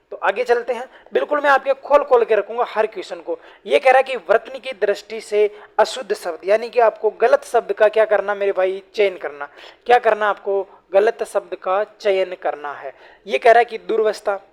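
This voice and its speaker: A woman teaches an exam-prep class online. She talks in a steady, mid-pitched voice. She keeps asking her listeners a question and then answering it herself, calling them friends again and again.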